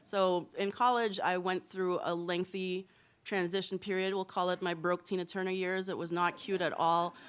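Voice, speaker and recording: A woman in her thirties from Trinidad and Tobago talks as an interview guest at a symposium. Her voice sits a little low, and she tells her story in a lively, candid way. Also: moderate pace, clean tone. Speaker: hair blogger, interview guest.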